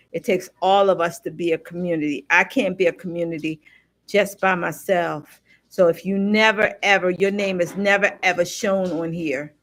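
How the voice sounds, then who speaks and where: A woman hosting her own live stream, chatting casually and rambling as she talks straight to her viewers. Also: fairly low pitch. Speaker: livestream host.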